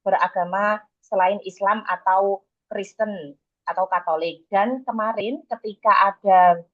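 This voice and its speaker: A woman's voice: medium pitch, fairly even intonation, unhurried, phone-quality sound. Woman on a choppy video call breaking up. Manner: polite, deferential, with hesitant fillers. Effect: choppy online call audio breaking up. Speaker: presenter answering an examiner. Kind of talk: formal online seminar answer.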